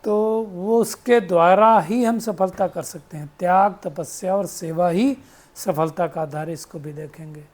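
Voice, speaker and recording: A man's voice: high voice, unhurried, a little mellow. A man giving a devotional spiritual talk, explaining patiently, quoting sayings and asking rhetorical questions. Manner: asks rhetorical questions, tag "है ना?". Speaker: spiritual teacher. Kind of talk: devotional discourse.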